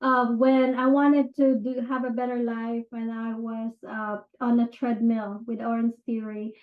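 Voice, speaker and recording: A woman from the Philippines with a Filipino accent and a slightly high voice delivers a chatty teaching talk to camera about self-improvement, flat in tone and unhurried. She uses lots of fillers and often checks in with "right?". It sounds thin and phone-like, with echo from the room.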